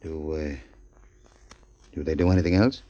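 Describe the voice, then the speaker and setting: In a dull, lo-fi 1940s radio recording, an actor with a very deep, warm voice plays a big pool hall owner in his forties. At a moderate pace he stammers out anxious, wheedling questions, nervous and shifty at first, later turning menacing.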